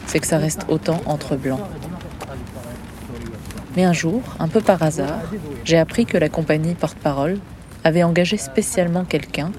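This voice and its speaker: A woman narrates a radio-style documentary in a low, calm, measured voice. A city crowd is clearly heard behind her. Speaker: narrator, journalist.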